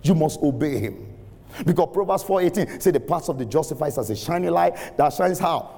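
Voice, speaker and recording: A middle-aged man preaching a sermon, using call-and-response, laughing often and rising to shouts. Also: a little high, expressive, a little fast, creaky. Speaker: pastor. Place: large church hall with congregation. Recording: reverberant hall, faint room ambience.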